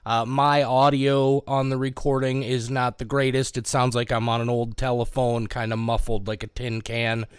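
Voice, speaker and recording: A man's voice: mid-range voice, little pitch movement, normal speed, hardly any pauses, clean tone, no room sound, studio quality. A man hosting a podcast, giving a casual, apologetic spoken notice to listeners. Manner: apologetic, informal. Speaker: podcast host. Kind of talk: casual spoken disclaimer before an episode.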